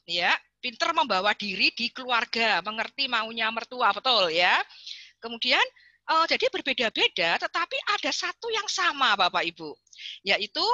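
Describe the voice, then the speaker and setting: A woman's voice: fairly high pitch, sharp tone, no echo, highs cut off. A woman giving a chatty, playful webinar talk to parents, often calling out to her audience. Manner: chatty and playful, addresses the audience often and reads out chat answers.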